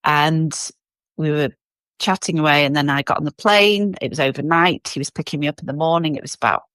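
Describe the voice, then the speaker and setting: A middle-aged woman recounts her own story as an interview guest. Her voice sits low, and she tells it in an animated, rambling way with plenty of ums. The sound is dry and close. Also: a little fast, no room sound. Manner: animated, warm storyteller with many fillers.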